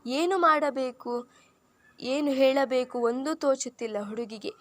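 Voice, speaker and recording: A woman narrating an audio story with expressive, dramatic reading. Her voice is notably high for a woman and carries the scenes along. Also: unhurried, dry recording.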